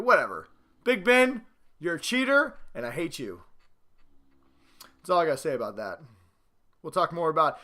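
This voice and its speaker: A man with a high-pitched, forceful, bright voice hosts a casual sports show. He talks in an animated, sarcastic way and slips into mock-exasperated rants as he gives his commentary. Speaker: host of a sports picks show.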